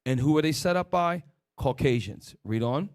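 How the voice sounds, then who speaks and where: Leading a religious teaching session, this man throws out rhetorical questions and brief orders to an assistant. His voice is on the high side, clear and resonant, with lively intonation at a normal speed.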